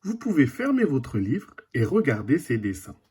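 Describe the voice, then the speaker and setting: A primary school teacher giving a recorded reading lesson to young children, speaking slowly and deliberately, repeating each word. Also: mid-range voice, sing-song, dark tone, breathy edge. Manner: slow, deliberate, repeats and stretches words.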